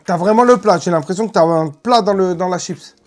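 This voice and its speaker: Woman, lowish voice, casual tasting host, chatty, emphatic, colloquial, faint music underneath. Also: fairly quick, a little mellow. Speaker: host of food tasting video. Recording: music playing behind.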